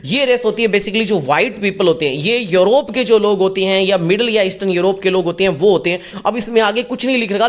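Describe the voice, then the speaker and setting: A male teacher giving a casual exam-prep lecture, asking and answering his own questions as he goes. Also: sits high. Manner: mixes English terms into Hindi speech.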